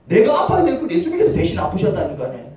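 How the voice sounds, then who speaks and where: Pastor guy w preaching, high lively voice, echoey hall, sounds far from the mic. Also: fast. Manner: animated preaching, rhetorical questions, acts out little quoted voices. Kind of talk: sermon. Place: church sanctuary.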